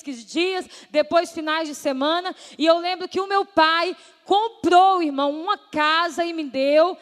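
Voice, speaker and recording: Woman, pastor, earnest testimony preaching, high voice, long hall echo. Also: fairly bright tone. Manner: earnest, addresses listeners as brothers and sisters.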